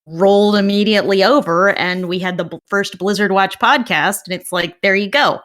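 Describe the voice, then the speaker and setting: A woman's voice: mid-range voice, normal speed, a bit bright. A woman co-hosting a podcast in a casual, conversational style. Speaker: podcast co-host.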